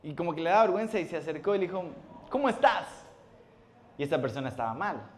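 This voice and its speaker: A man, a pastor preaching a sermon in a church, telling stories with animated acted-out voices and frequent laughter. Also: on the high side, rapid-fire, slight background noise. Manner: animated storytelling, acts out voices, laughs often.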